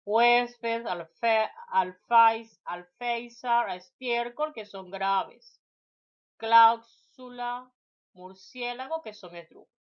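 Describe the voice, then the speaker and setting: A woman's voice: fairly high pitch, takes it slowly, clear, resonant tone, highs cut off. A woman teacher giving a spelling lecture, reading out word lists and addressing her students directly.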